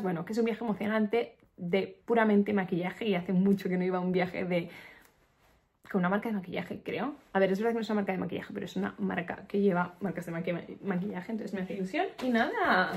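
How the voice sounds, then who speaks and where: Woman vlogger, Spain Spanish accent, bubbly casual chat, medium pitch. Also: a little fast, creaky. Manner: chatty, excitable, laughs often. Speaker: lifestyle vlogger. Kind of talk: casual vlog chat to camera.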